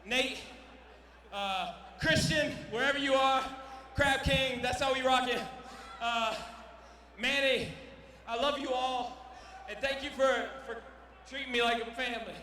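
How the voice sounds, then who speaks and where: A man's voice: very high voice, steady tone, a little slow. A man, a fighter, giving a brash, boastful post-fight promo into a handheld mic in an arena. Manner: brash, boastful, shouting over the crowd. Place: convention center arena. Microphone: handheld interview mic. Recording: echoey arena hall from far off.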